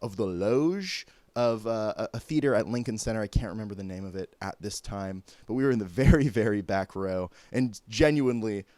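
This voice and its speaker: A man's voice: fairly low pitch, fairly quick, hardly any pauses, darkish tone, dry recording. A man chatting casually and candidly as a vlogger, joking, laughing mid-sentence and stumbling over restarts. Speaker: vlogger reviewing theater shows. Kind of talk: casual opinionated chat.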